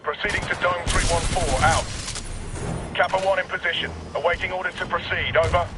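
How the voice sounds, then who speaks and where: A man's voice: high-pitched, fairly even intonation, fairly quick. A man voicing an enemy squad soldier in a video game, reporting over a walkie talkie in clipped military radio talk. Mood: terse.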